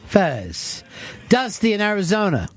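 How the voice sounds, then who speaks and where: A man's voice: sits high, wildly swooping pitch, a little slow, soft background music. A man hosting a radio call-in show, joking crudely and bantering with callers. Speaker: radio show host taking calls. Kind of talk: casual radio call-in chat. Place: radio studio.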